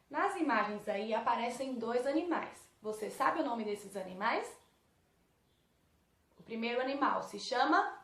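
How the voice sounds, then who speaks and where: Brazilian Portuguese woman teacher taking young pupils through exercises, patient and questioning, a little high, recorded in a roomy space. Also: a bit bright. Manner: patient, asks pupils questions and answers them. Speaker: primary school teacher. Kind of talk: correcting homework for young pupils. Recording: echoey room.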